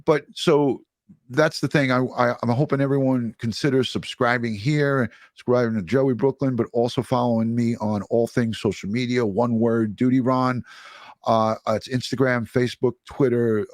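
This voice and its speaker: A man talking casually and appreciatively as a livestream host, in a halting way with pauses. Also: mid-range voice, steady tone, dry recording. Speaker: true crime livestream host. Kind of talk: casual livestream talk and sign-off.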